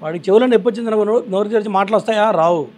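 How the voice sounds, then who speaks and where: High-pitched fast-talking male astrologer. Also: a little mellow. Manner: authoritative, lecturing, keeps asking for agreement. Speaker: astrologer on a call-in show. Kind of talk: call-in astrology consultation.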